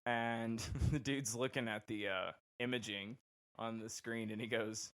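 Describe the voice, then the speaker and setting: A young man casually telling a personal story on a podcast, animated and quick to act out the people he quotes. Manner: animated, acts out quoted voices with big pitch jumps. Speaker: podcast host.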